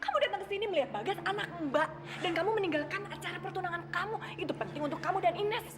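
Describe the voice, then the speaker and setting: Very high, teary, scolding big sister, loud music. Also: female voice, big pitch swings, quick pace. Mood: scolding tearful. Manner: scolding, emotional, near tears. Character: distressed caring older sister, scolding and tearful. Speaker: older sister figure (Mbak). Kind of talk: TV drama acting. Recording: TV drama with loud music behind.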